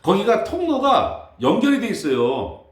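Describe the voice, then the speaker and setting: A man who works in building facility management, telling an exasperated, animated story about his job in a casual monologue. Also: high voice, measured pace, roomy sound. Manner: animated, exasperated anecdote telling with acted-out quotes.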